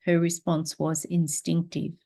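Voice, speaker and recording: A woman teaching a spiritual class, guiding a meditation in a slow, calm, gentle way and reading aloud. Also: fairly low pitch, gravelly.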